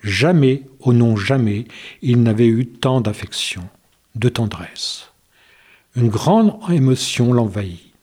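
A man narrating a children's tale in a gentle, measured reading. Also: mid-range voice, lively intonation, slightly rough. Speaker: storyteller. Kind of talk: storybook narration.

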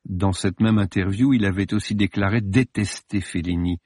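A man narrating a novel in measured storytelling. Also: sits low, darkish tone, husky, no room sound, studio quality. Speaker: audiobook narrator.

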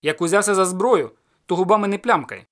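A man voicing a calm, teasing cossack sorcerer in an audiobook, raised and loud when he dares his guest. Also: high-pitched, brisk. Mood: mocking.

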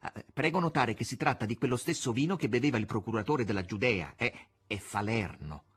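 A man reading aloud voices a male demon messenger in a formal, measured, slightly oily tone. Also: medium pitch, animated, a bit bright, slightly rough. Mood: courteous.

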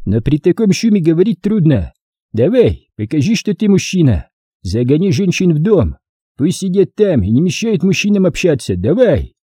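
A man reading an audiobook voices a tough commander who gives loud, blunt orders in a raised, husky voice. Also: fairly high pitch, very animated, normal speed, no room sound, clean studio sound, pitched above the performer's own voice. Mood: firm.

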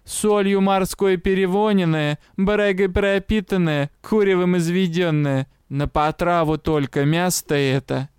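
Man pitching up for a scoffing village woman. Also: steady tone, unhurried, few pauses, a little mellow, smooth, no echo, studio quality. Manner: raised, scoffing voice. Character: scornful village woman in the crowd.

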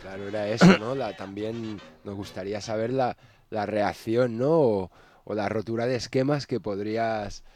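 A man's voice: fairly low pitch, normal speed, a little mellow, no echo. A man interviewing a guest on a radio show, asking musing, casual questions.

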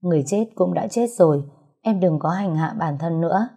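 A woman voicing a calm young man who gently soothes his grieving sister. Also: lowish voice, brisk, husky. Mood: soothing. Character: young man, calm protective older brother.

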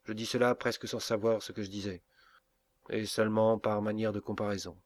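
Male audiobook reader, low voice, dramatic and measured, dry close sound. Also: flat delivery, no echo. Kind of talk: literary audiobook narration.

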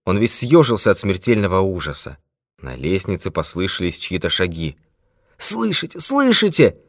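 A man narrating a classic detective audiobook in an expressive, lively way. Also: low voice, normal speed, no echo, clean studio sound. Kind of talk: scripted narration.

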